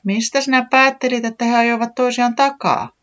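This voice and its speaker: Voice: medium pitch, lo-fi sound, voice pushed up, natural voice. A reader doing a caring, fussing mother bird. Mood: concerned. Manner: soft, questioning and soothing.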